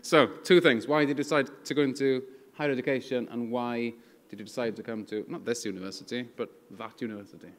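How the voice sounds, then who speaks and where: A man with a mid-pitched voice hosts a panel session. He is casual and encouraging, addressing the speakers and the audience informally. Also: fairly even intonation, fast, big-room sound. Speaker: session host, moderator.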